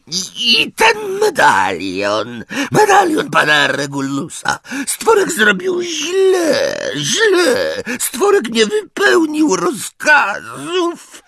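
A man reading aloud who voices a wretched old male house-elf, croaking, sobbing and shrieking. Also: extremely high pitch, wildly swooping pitch, drawn-out words, pushed and bright, no room sound, pitched above the performer's own voice, heavily acted. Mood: wailing.

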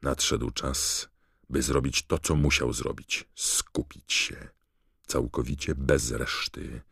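A man narrating an audiobook in a measured, steady reading. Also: a bass voice, vocal fry, slightly rough, no echo, studio quality. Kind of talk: scripted narration.

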